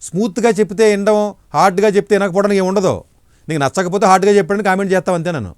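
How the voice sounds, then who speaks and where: A middle-aged man, an education counselor, giving blunt, forceful answers in an interview. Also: sits high, racing, dry recording, studio quality.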